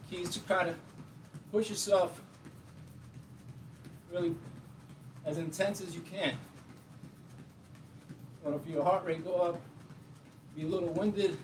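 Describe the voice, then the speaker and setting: A man's voice: sits high, fairly even intonation, measured pace, pauses often, echoey room. A man leading a short home workout, explaining each exercise in a casual, encouraging way as he does it. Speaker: fitness instructor. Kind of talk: workout demonstration. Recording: distant mic with clear background noise.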